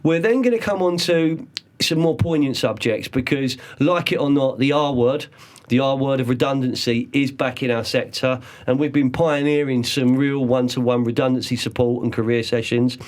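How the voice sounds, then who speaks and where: A man in his forties, hosting a podcast in a studio with casual, upbeat showmanship and slow, drawn-out emphasis. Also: medium pitch. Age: 40s. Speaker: podcast host.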